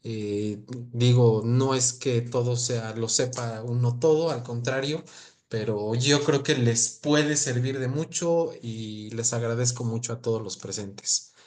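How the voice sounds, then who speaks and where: A man's voice: medium pitch, slow, a little mellow. A man, the guest speaker, giving modest, grateful closing remarks.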